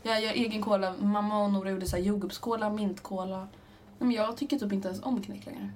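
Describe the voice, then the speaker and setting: A young woman chatting with a friend, lively and chatty with lots of fillers, and asking the questions. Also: mid-range voice, slight background noise. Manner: animated, chatty, full of fillers. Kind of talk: casual chat.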